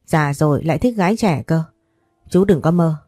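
A woman's voice: sits low, animated, normal speed, mellow, dry recording, clean studio sound, soft background music. A woman voicing a sassy fifteen-year-old girl who snaps back defiantly.

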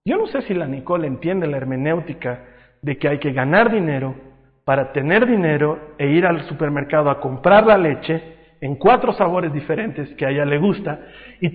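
A man in his thirties preaching a sermon as pastor, swinging between loud emphatic lines and quiet low ones. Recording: tinny lo-fi sound with long hall reverb.

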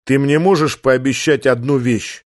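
A resigned, steady pilot , as a male reader plays him, speaking low and quiet over the radio. He stays calm and unhurried with no panic in his voice. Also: no room sound, studio quality, close to an everyday voice.

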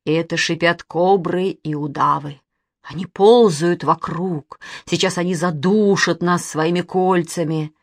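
Woman doing a boastful boy, slow mock-scary tone, self-important, storybook. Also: fairly low pitch, fairly even intonation, no echo, clean studio sound. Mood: ominous. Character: boastful boy Kostya, playing the brave explorer.

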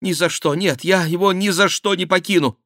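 Man voicing a frantic young noblewoman, high cries. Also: moderate pace, fairly bright tone, no room sound, studio quality. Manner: pleading, high-pitched cries and prayers.

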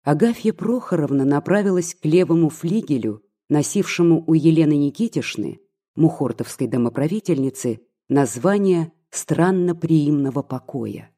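A reader narrating a classic novel in a measured, steady way. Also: mid-range voice. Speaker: audiobook reader. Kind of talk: literary audiobook narration.

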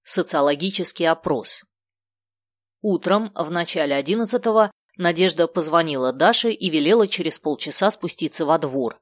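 A woman narrating a children's book in a steady, clear storytelling manner. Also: low voice, normal speed, dry recording. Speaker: audiobook narrator. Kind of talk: scripted narration.

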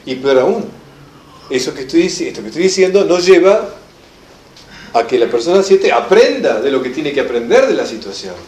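A man with a Rioplatense Spanish accent teaching an enneagram class in a lively lecture style, acting out the people in his examples with humor. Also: fairly high pitch, normal speed, roomy sound. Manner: animated storyteller, acts out quoted voices with laughter.

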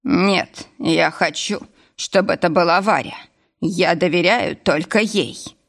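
A woman voicing a weak, breathless older man lying in intensive care, talking slowly between sighs. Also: fairly low pitch, gravelly, heavily acted. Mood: weary. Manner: slow, sighing, breathless delivery.

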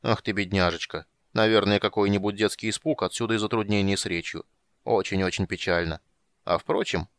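Fizban, a man doing a loud fussy old wizard. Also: fairly low pitch, steady tone, fairly quick, dry recording, studio quality. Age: older. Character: old absent-minded male wizard, fussy and indignant.

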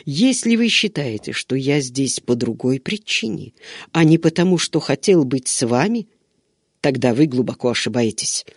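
A man voicing a young male servant who is hot-tempered, devoted and quick to tears, pleading and defiant in turn. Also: mid-range voice, lively intonation, husky, dry recording, clean studio sound. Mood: wounded pleading.

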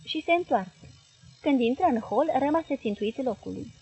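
A woman narrating a literary novel as an audiobook reader, in a measured, expressive way with a husky voice. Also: sits high, low-quality recording.

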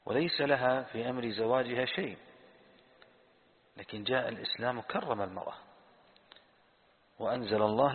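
A man teaching a lesson on Quran commentary, asking the audience questions and answering them himself, and slowly repeating key words. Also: on the low side, gravelly. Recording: tinny phone-like sound in a reverberant hall.

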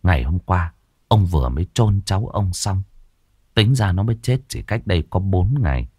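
A man narrating a ghost story in a slow, suspenseful and expressive way. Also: low-pitched, husky, no room sound, clean studio sound.

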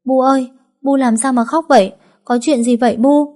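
A woman's voice: sits high, fairly even intonation, moderate pace, a little mellow, pitched above the performer's own voice, lightly acted. A woman voicing a little girl who cries and pleads over her dead father. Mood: anxious. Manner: tearful, pleading.

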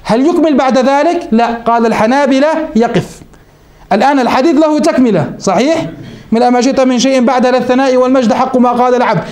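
A man's voice: very high-pitched, fast, darkish tone. A man teaching a class on Islamic jurisprudence. He explains each step and asks his students questions, then answers them himself. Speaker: sheikh teaching Hanbali jurisprudence. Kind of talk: classroom lesson on a legal text.

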